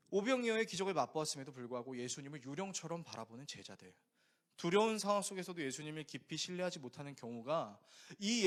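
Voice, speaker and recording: A man, a pastor, preaching a sermon with lively stories and rhetorical questions to his congregation. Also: mid-range voice.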